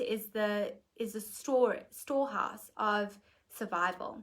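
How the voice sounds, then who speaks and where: A woman hosting a live stream, teaching in a gentle, earnest way and often pausing with "okay". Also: medium pitch. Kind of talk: reflective teaching talk.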